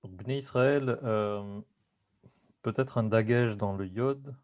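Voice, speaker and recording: Guy student guessing his answers, slow and unsure, lowish voice. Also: darkish tone, no room sound. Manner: hesitant, tentative answers. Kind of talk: answering in class.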